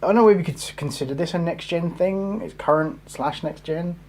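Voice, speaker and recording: A man's voice: fairly high pitch, a little fast, a little mellow. A man hosting a casual gaming podcast, rambling with plenty of fillers and the odd swear word. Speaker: podcast host.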